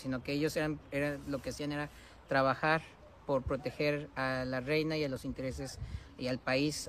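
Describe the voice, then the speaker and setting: Male live interpreter, unhurried, halting and repetitive, slight background noise. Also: mid-range voice. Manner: halting, repeats phrases. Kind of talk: consecutive interpreting into Spanish.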